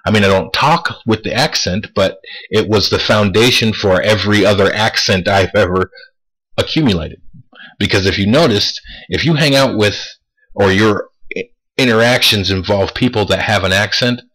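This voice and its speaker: A man talking straight to camera in a casual monologue. He speaks deliberately, repeats words for emphasis and asks rhetorical questions. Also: fairly low pitch, a bit bright, husky, rough recording. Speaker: vlogger.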